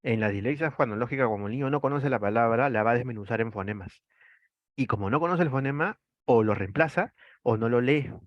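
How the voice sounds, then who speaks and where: A man's voice: mid-range voice, a little fast, no room sound, muffled recording. A man with a Peruvian accent, lecturing an online class, explaining and asking rhetorical questions that he then answers. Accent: Peruvian Spanish. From Peru. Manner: frequent tag "¿no?".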